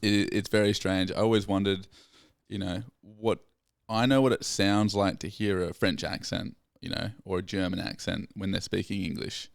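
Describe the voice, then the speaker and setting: A man's voice: low voice, steady tone, normal speed, gravelly, no echo, clean studio sound. A young man hosting a podcast, talking in a rambling, chatty way and laughing along with his guest. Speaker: podcast host. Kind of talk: casual podcast chat.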